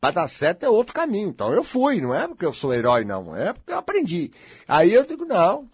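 Emphatic Brazilian man, lively husky voice. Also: high voice, fast talker, no room sound, studio quality. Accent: Brazilian Portuguese. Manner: emphatic and repetitive, insistent. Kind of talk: lecture to an audience.

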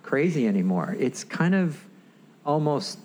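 A man's voice: fairly high pitch, measured pace, a little hiss or hum, low-quality recording. A man co-hosting a casual podcast conversation, rambling and restarting as he tells stories. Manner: rambling, self-interrupting, animated storytelling. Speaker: podcast co-host.

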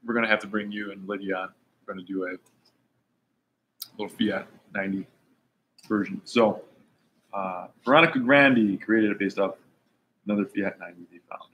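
A man's voice: on the low side, moderate pace, long pauses, lo-fi sound, a little hiss or hum. Chatty man hosting a live stream. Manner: relaxed, chatty, with fillers and restarts. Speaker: host of an online talk show. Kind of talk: casual chat.

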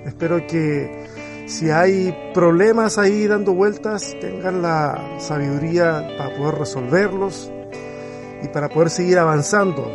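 A male podcast host with a notably high voice opens his show in a reflective, encouraging way. Soft guitar music plays faintly behind him as he welcomes and questions a guest. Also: unhurried. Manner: reflective, encouraging, tells a Bible story. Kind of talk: warm interview podcast.

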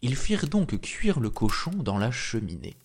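A man reading a fairy tale aloud in an expressive storytelling manner. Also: mid-range voice, husky. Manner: slow, expressive, lively.

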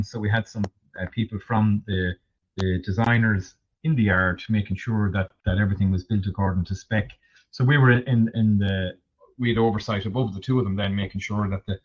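A man from Kerry with a west of Ireland accent, explaining things informally and haltingly as an interview guest. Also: fairly low pitch. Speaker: interview guest, marine research manager. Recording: dull, narrow lo-fi audio.

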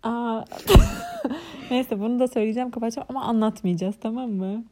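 A young woman co-hosting a podcast in casual chat, talkative and quick to laugh. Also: a little high, very animated, dark tone. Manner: chatty, laughs often, fired up. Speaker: podcast co-host.

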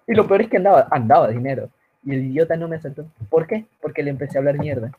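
A man's voice: on the high side, fast, breathy edge, narrow, tinny audio. A man in a casual group chat, telling rambling stories and acting out other people's voices. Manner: rambling, animated storytelling with put-on voices.

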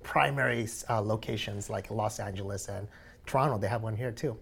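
A man's voice: fairly low pitch, a little fast, creaky, breathy edge. A young man in casual conversation, chatty and often laughing, with frequent fillers as he tells a personal story. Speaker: guest sharing a mattress story. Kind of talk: casual chat.

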